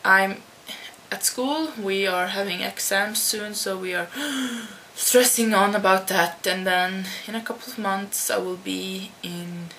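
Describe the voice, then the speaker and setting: Talking to her computer webcam at home, a teenage vlogger from the Netherlands works through tag questions slowly and haltingly, restarting often. Her mid-range voice is bright and forceful, the recording is low-quality, and a faint computer fan hum is audible.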